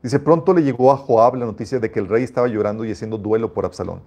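Warm-voiced pastor preaching earnestly. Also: male voice, mid-range voice, fast talker. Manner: earnest, emphatic preaching with repeated restarts. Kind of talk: sermon with scripture reading.

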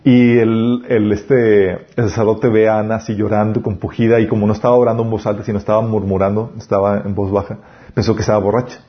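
A man's voice: on the low side, level tone, fast talker, dull audio. Conversational man preaching a sermon. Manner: conversational preaching with frequent rhetorical questions. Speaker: pastor.

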